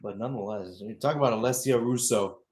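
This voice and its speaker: Talking fast in a darkish, mid-pitched voice, this young man handles play-by-play for a live soccer game, radio style. He switches between following the action and chatting about it.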